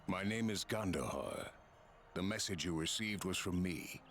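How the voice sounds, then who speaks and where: An actor playing a cagey messenger for sinister masters in a video game, with stilted, wooden, unconvincing bad acting. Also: male voice, sits low, normal speed, a bit bright. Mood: guarded, insistent. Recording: game audio with noisy outdoor ambience.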